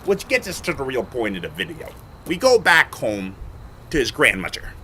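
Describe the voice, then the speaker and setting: Bright-voiced man telling a tall tale. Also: mid-range voice, wildly swooping pitch, moderate pace, a little hiss or hum, poor audio. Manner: mock-serious, rambling tall tale. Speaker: comedy co-host. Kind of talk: deadpan comic storytelling.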